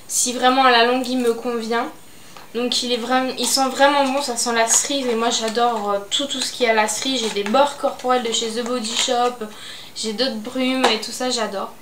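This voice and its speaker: Chatty young French woman, echoey room. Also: fairly high pitch. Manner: hesitant, many fillers. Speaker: beauty vlogger. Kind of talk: casual haul chat. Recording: echoey room, faint noise.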